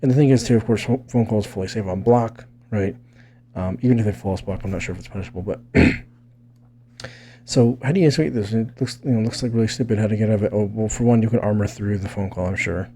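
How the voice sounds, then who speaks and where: This man speaks fast in a lowish, dark voice, with a little background noise, as a gaming video creator walking through fighting game techniques. His casual tutorial rambles as he thinks aloud and keeps asking "right?".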